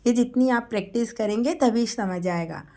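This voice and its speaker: A woman teaching a spelling lesson, dictating names slowly syllable by syllable and explaining each letter. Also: fairly high pitch, darkish tone.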